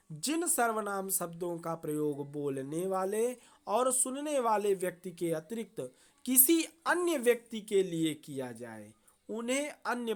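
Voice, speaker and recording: A woman teacher explaining a grammar lesson to students, slow and deliberate, often checking in with a quick "okay" and repeating key terms. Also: mid-range voice, a little mellow.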